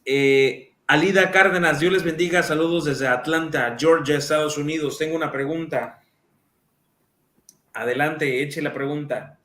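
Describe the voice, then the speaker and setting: A man's voice: fairly high pitch, steady tone, normal speed, sharp tone. A man hosting a live-stream, reading viewers' comments and answering them in a conversational way full of fillers. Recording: roomy echo.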